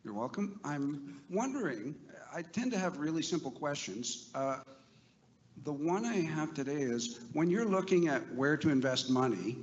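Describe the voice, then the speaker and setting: A man's voice: a little high, expressive, moderate pace, reverberant. A Canadian man in the audience asking a question at a shareholder meeting, folksy and joking, with fillers. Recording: dull, faintly noisy room mic.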